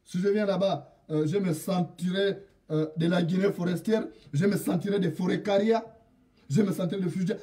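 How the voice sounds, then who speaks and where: Man from Gabon, indignant direct-address rant, repeats proverbs, high-pitched, mellow tone. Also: fairly even intonation, normal speed, recorded from a distance. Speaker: political commentator.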